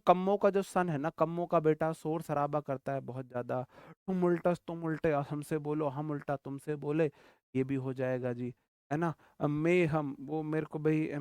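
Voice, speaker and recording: Male teacher, fairly high voice, dry close recording, animated classroom lecture, repeats words, quick rhetorical questions. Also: smooth, no room sound. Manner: jokey memory tricks, calls listeners brother. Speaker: English vocabulary teacher.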